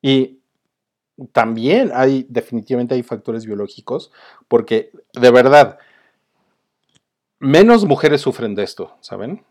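A man's voice: medium pitch, expressive, unhurried, long pauses, darkish tone. Rambling Mexican man musing at home. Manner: rambling, chuckles often, many fillers. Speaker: host. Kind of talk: casual monologue. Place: home, with a dog nearby.

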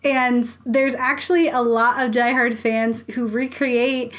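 A young woman co-hosting a podcast in relaxed, casual chat. Her voice sits a little high, and her talk is full of fillers and quick laughs. Now and then she breaks into playful imitations of other voices. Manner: chatty, many fillers, laughs often, mimics voices. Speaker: podcast co-host.

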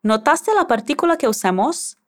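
A woman's voice: sits high, very animated, moderate pace. A woman teaching a scripted language lesson, patiently prompting the listener to repeat phrases and encouraging them.

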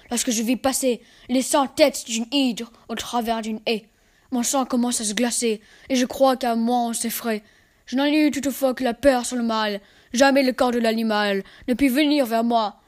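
A level-headed envoy tells his tale with calm reason, voiced by a woman reading fables. The voice stays high and close to the reader's own. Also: normal speed, close to an everyday voice. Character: sensible old Turkish envoy telling a tale.

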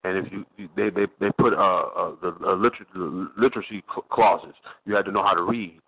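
A fairly low-voiced man speaks over a tinny phone connection that keeps breaking up, his words dropping in and out. He talks in a halting, casual way, often restarting his phrases. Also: creaky, husky. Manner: halting, with frequent restarts and fillers. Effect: phone line breaking up, cutting in and out. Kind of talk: casual spoken commentary. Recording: tinny, choppy phone line.

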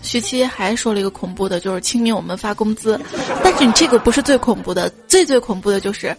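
A woman's voice: medium pitch, expressive, fast talker, loud music behind the voice. A woman hosting a casual joke show, telling funny stories in a playful, giggly way. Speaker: podcast host.

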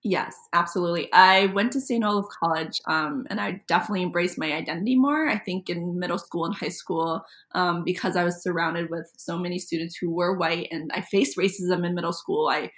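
A woman's voice: fairly low pitch, fairly quick, hardly any pauses, a bit bright. A young woman from Minnesota, a middle school teacher, talking casually as an interview guest, with many ums and likes. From Minnesota, USA. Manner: chatty, many ums and likes, laughs easily.

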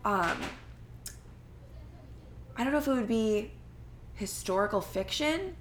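A woman with a hoarse voice co-hosting a podcast in casual chat, laughing often and saying "like" a lot. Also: on the high side, expressive, takes it slowly, a little hiss or hum. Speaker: podcast co-host.

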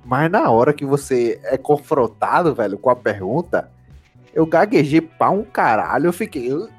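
A young man chats casually on a podcast. He is self-mocking and halting, with a husky voice and a very mobile pitch. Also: big pitch swings, soft background music.

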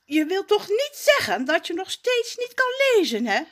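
A woman's voice: very high-pitched, huge pitch swings, a little slow, pitched above the performer's own voice, heavily acted. A woman voicing Jacques, a pompous, posh male cousin in a storybook who talks down to others and teases. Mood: snooty. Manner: posh, condescending, mocking. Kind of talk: storybook character voice.

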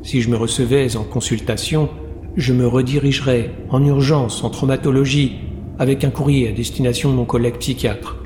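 A man's voice: medium pitch, fairly even intonation, moderate pace, lightly acted. A man voicing a weary wounded woman doctor. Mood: bitter. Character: wounded exhausted young woman doctor, guarded. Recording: roomy long reverb, faint noise.

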